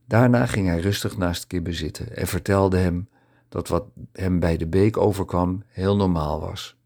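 A man reading a story aloud as an audiobook narrator, steady and measured. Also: deep voice. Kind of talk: scripted narration.

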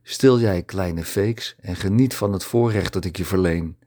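A man's voice: deep voice, a little slow, dark tone. A man voicing a cruel, arrogant nobleman who barks harsh orders. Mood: menacing.

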